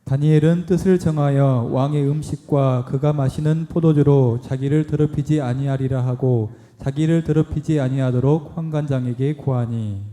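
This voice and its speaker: A man reading a scripture passage aloud in a steady, measured recitation. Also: mid-range voice, long reverb tail.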